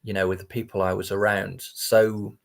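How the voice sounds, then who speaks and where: A man's voice: lowish voice, flat delivery, moderate pace, creaky. An English man as a podcast guest, talking reflectively and hesitantly, often restarting his sentences. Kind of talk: casual interview chat.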